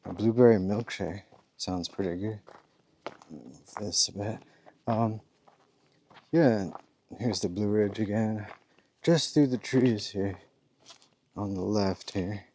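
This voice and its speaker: Man, deep voice, easygoing hiker vlog, talks while walking outdoors. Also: slow pace, long pauses, mellow, slight background noise. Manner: rambling, easygoing, with chuckles. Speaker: thru-hiker vlogger. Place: outdoors on a forest trail.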